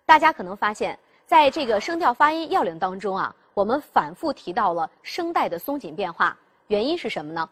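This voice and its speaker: A woman's voice: medium pitch, big pitch swings, brisk, hardly any pauses, a bit bright, husky. A woman teaching pronunciation in a classroom style. She explains step by step, asks the class rhetorical questions and demonstrates the sounds herself. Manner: demonstrates sounds by voicing them. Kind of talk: classroom instruction.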